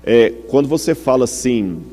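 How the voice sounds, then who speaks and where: Soft music plays behind a warm, mid-range male voice as he delivers an expressive sermon at a moderate pace. He speaks with a Brazilian Portuguese accent, guiding the congregation step by step and regularly checking in with questions. Long reverb from the hall fills the recording.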